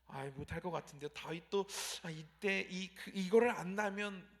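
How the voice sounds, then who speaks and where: High-pitched, gravelly young preacher. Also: male voice, normal speed, a bit bright. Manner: preaching with frequent direct address to the congregation; acts out pleading prayers in a raised voice. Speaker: pastor. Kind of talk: sermon.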